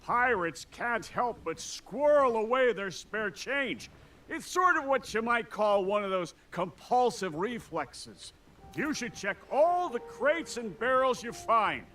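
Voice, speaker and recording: A man's voice: very high-pitched, sing-song, slow, bright, forceful tone, full character voice. An actor playing a salty, cheeky pirate townsman in a video game, gossiping in a theatrical, folksy, wry way. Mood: wry, helpful. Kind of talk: video game character dialogue.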